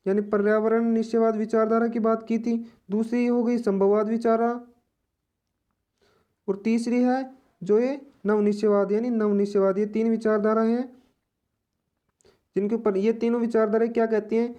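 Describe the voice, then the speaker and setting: A woman teaching an exam-prep lesson, explaining slowly and repeating each point in other words. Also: on the high side, warm tone.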